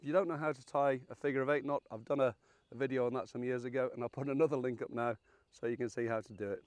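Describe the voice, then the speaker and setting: Speaking quickly with fairly even intonation, a seventy-something fishing channel host demonstrates a rig in a casual, folksy, self-mocking manner. Illness has left his medium-pitched voice croaky and hoarse, and there is no echo on the audio.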